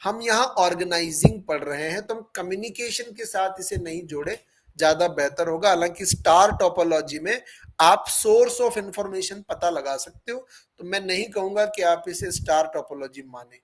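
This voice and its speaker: A man's voice: sits high, normal speed, a little hiss or hum, low-quality recording. A man teaching a live online class, explaining ideas with everyday examples and asking students questions in his English.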